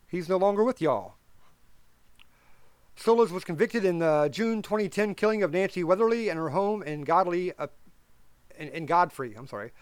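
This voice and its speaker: Podcast host, male, slightly high voice, reads headlines then goes blunt and sarcastic; dry close mic. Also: no echo. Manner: reads news stories aloud, then adds blunt sarcastic commentary; stumbles and corrects himself while reading. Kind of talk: reading news and commenting.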